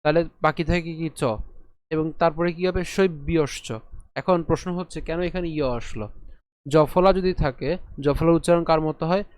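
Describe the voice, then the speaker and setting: A man teaching how to pronounce verses, who asks his own questions, answers them, and chants lines slowly, syllable by syllable. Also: a little high, fairly even intonation, dry recording. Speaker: teacher of Sanskrit verse pronunciation. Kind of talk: recitation lesson.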